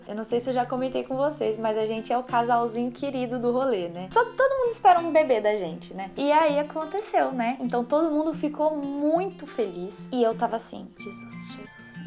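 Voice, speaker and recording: Brazilian woman vlogger, music behind. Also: a little high. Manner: animated storyteller acting out quoted voices. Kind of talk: casual storytelling vlog. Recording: music playing under the voice.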